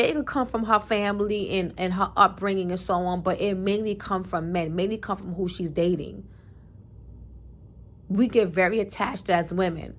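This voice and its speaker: A woman speaking her opinions in a preachy, emphatic monologue, using colloquial talk, repeating phrases for emphasis and citing scripture. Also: mid-range voice. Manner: colloquial speech with scripture references. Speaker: commentary vlogger.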